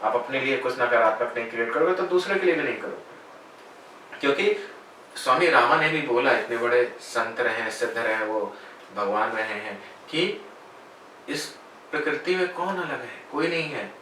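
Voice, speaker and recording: A spiritual guide answers interview questions in a calm, measured way. The man's voice is bright and forceful. He sits well back from the mic in a very echoey room with faint noise behind. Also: mid-range voice, far from the mic. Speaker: spiritual guide and meditation teacher.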